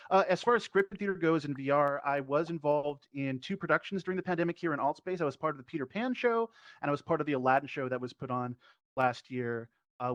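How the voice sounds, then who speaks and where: A man who performs and teaches improv speaks conversationally as a panelist in an online discussion at a virtual reality social platform meetup. His voice is medium-pitched and a bit bright, with no echo, over dull lo-fi online voice chat.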